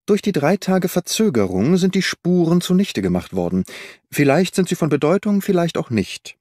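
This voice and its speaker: Guy reading as sherlock holmes, sharp probing detective, lively up and down, dry close sound. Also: on the high side, dry recording, voice pushed up. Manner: probing, measured questioning.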